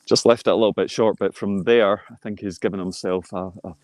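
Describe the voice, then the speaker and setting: A man giving informal live golf commentary, explaining shots in a measured way and reacting briefly as they play out. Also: fairly low pitch, steady tone, darkish tone, no room sound.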